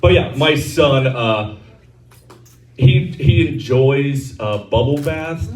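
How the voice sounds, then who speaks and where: A man's voice: mid-range voice, takes it slowly, a little mellow. A man doing a crude, self-mocking stand-up set on a comedy club stage. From Texas. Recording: roomy club sound from a distance.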